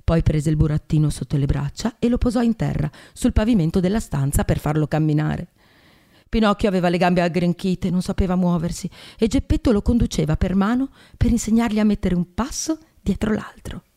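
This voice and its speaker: A woman podcast host reading a classic tale aloud in a measured, expressive way. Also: on the low side.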